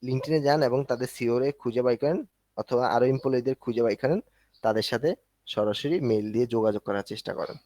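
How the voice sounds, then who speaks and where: A man's voice: mid-range voice, steady tone, quick pace, darkish tone, no room sound. A man teaching an online class, explaining step by step in a conversational way while walking through a screen. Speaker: instructor.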